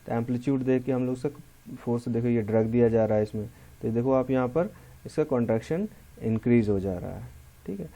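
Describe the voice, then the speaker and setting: A man's voice: mid-range voice, fairly quick, vocal fry, mellow. A man with a Hindi accent, a pharmacy lecturer explaining a lab experiment step by step, often repeating key terms. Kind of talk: classroom lecture walkthrough.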